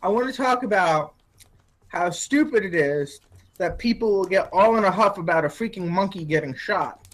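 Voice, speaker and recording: A man's voice: high-pitched, lively intonation, moderate pace, rough recording. A man in his twenties co-hosting a casual podcast, blunt and ranting about what bugs him. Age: 20s. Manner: blunt, ranting, says "freaking". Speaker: podcast co-host. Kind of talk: casual chat. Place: home, on a call.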